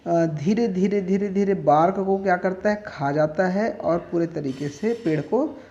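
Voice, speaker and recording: Male teacher, unhurried classroom drill, slightly high voice, lo-fi sound. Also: mellow. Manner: repeats words slowly for students to echo, with frequent check-ins. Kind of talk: classroom vocabulary lesson.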